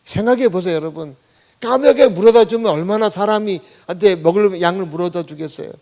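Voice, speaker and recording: The senior pastor, a man with a high-pitched, slightly mellow voice, delivers a Sunday sermon in the church sanctuary. He keeps it conversational, putting questions to the congregation and guiding them through reading aloud.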